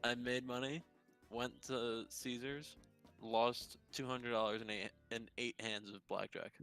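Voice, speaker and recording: A man's voice: mid-range voice, steady tone, measured pace, a bit bright, clean tone, soft background music. A young man co-hosting a podcast, telling a work story in a casual, rambling way and laughing at himself. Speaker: podcast co-host.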